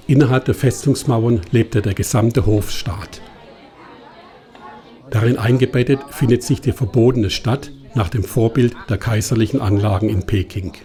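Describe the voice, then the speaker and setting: A man reads a travel documentary voice-over in a calm, measured way. His voice sits a little low and sounds warm and mellow. It has the even delivery of scripted narration.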